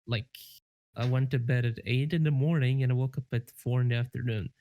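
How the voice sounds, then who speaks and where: A man's voice: medium pitch, steady tone, fairly quick, dry recording, muffled recording. A man co-hosting a podcast in casual chat, rambling with fillers and laughing often. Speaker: podcast co-host.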